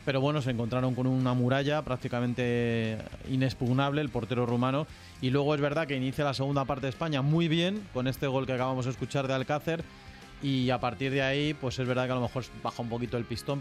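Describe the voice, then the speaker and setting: A male sports journalist with a Spain accent talks through match analysis. His voice sits at a middle pitch, with faint music in the background.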